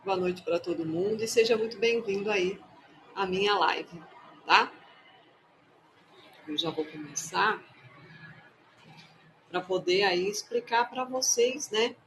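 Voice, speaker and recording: A woman's voice: mid-range voice, fairly bright tone, slight background noise, rough recording. A woman hosting a casual live stream as a tarot reader, playful and chatty as she greets her viewers one by one.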